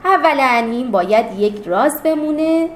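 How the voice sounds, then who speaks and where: Woman playing a bossy schoolgirl ringleader, loud. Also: sits high, animated, reverberant, a little hiss or hum. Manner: loud, commanding, dramatic.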